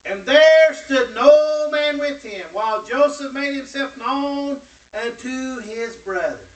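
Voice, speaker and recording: A man teaching a Bible lesson, reading scripture aloud and adding slow, emphatic commentary with rhetorical questions. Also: very high-pitched. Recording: roomy echo from a distant mic.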